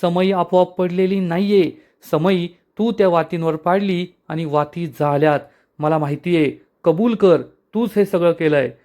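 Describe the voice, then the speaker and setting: A wronged young woman who demands a confession in an accusing tone, as a male narrator reads her lines. The voice stays close to the narrator's own high voice. She is part of a retold soap-opera scene. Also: measured pace, darkish tone. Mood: angry. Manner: accusing, pleading.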